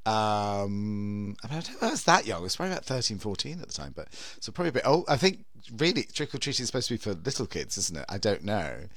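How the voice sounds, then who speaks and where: A British man in his fifties hosts a casual podcast chat. His pitch moves around a great deal as he rambles through false starts, recorded dry and close. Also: very animated, fast talker, hardly any pauses, a bit bright, dry recording. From United Kingdom. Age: 50s. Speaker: podcast host, drag queen horror host.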